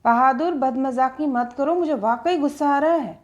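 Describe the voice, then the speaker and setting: A woman voicing an impatient, quick-tempered young woman student who scolds her driver. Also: high-pitched, animated, a little mellow, highs cut off. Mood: scolding. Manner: scolding, irritated.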